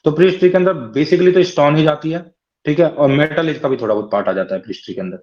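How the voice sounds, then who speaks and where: A man's voice: a little high, rapid-fire, darkish tone, muffled recording. A man teaching a class lecture, explaining step by step and often checking in with his listeners.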